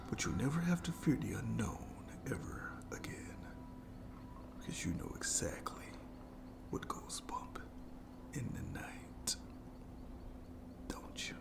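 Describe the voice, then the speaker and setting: In this scripted horror ASMR roleplay, the performer becomes a smug, menacing monster jailer under the bed, sadistic and gloating. The heavily acted, breathy creaky whisper sits mid-range with big pitch swings. The pace is slow, theatrical and mockingly courteous.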